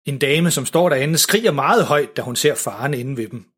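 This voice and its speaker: A man narrating a children's story in an even, gentle way, with a husky voice. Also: medium pitch.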